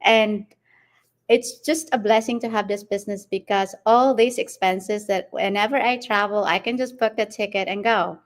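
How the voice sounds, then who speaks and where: A woman's voice: mid-range voice, fairly even intonation, normal speed. A woman, answering interview questions as a guest, rambling and laughing often. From Philippines. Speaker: guest entrepreneur.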